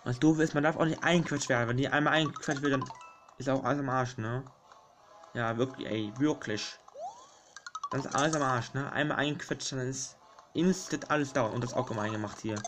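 A young man giving casual commentary over a platform game, fretting aloud, pleading, and yelling at enemies. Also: medium pitch. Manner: excitable, frets and shouts at enemies. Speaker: gaming YouTuber. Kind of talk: casual let's play commentary. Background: game music.

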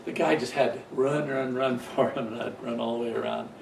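With a brisk, creaky, medium-pitched voice, an older man recounts his past as a father sharing life stories, rambling, restarting, and chuckling. The funny moments make him loud and animated. He's recorded from a distance in an echoey space over steady noise.

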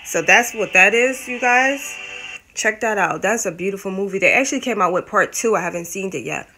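A woman's voice: medium pitch, a little fast, soft background music, rough recording. A woman giving a casual tarot reading to her viewers, chatty and emphatic, swearing freely. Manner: talks to viewers as "you guys". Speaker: tarot reader. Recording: steady background noise.

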